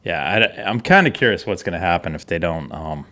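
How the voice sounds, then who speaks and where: A man co-hosting a motorsport podcast, his fairly low voice swinging widely in pitch. He rambles, restarts and piles up his points in relaxed chat. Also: brisk. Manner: animated, rambling with many restarts. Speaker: podcast co-host.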